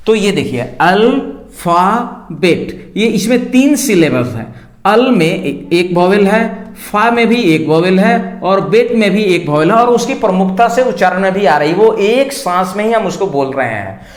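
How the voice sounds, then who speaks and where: High-voiced male grammar teacher, echoey room. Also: animated. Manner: explains slowly, drawing out example sentences and syllables. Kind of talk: Hindi-medium grammar lesson.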